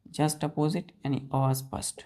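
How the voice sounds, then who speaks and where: A woman's voice: a bass voice, level tone, unhurried, mellow. A woman teacher giving a vocabulary lesson, spelling words letter by letter, counting the letters aloud and asking her students questions over and over. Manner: asks the class repeated questions.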